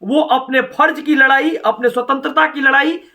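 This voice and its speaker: A man's voice: extremely high pitch, fairly even intonation, normal speed, bright, forceful tone. A man giving combative, taunting political commentary, firing questions at officials.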